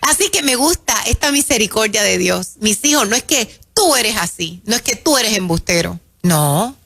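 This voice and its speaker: A woman preaching in an emphatic sermon style on a radio show, calling her listeners her children and slowing down to stress key phrases. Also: mid-range voice, animated, creaky, breathy edge. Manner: warm, emphatic, addresses listeners as "mis hijos".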